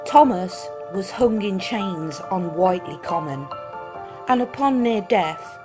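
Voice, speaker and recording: A woman's voice: mid-range voice, expressive, takes it slowly. A woman reading a scripted narration of a local ghost legend. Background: loud music.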